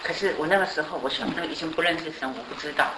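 A woman pastor with a lowish voice talks very fast, sharing her own story in a chatty way. She laughs easily as she goes. The room rings with echo, and a clear noise runs behind her. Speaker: pastor and co-host. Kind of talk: personal testimony in casual talk. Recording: echoey room with background noise.

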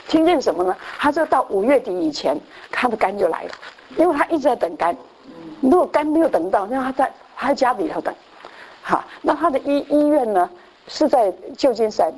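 This is a woman's voice on the high side, darkish in tone with a breathy edge. She delivers a testimony as a preached sermon story, repeating and restarting a lot, mixing in English, and sometimes voicing the people she quotes.

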